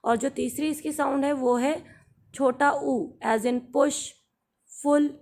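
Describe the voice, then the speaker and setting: Young indian woman teaching english phonics, slow and careful, kinda high voice, stretches out example words. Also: fairly even intonation, darkish tone. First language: Hindi. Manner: mixes English phrases into Hindi explanation. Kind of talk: phonics lesson for beginners.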